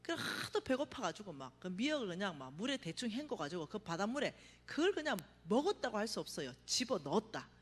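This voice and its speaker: A middle-aged woman giving a testimony sermon at a revival meeting, telling her story with vivid acted-out cries and sudden hushed asides. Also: medium pitch, fast talker, few pauses, husky. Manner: animated storytelling, acts out her own cries, drops to a hush for emphasis. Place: church sanctuary. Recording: reverberant church hall.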